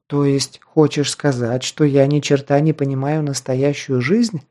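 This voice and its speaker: A man reading an audiobook, voicing a proud but sheltered young noble girl in a raised, softened voice. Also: mid-range voice, a little slow, natural voice.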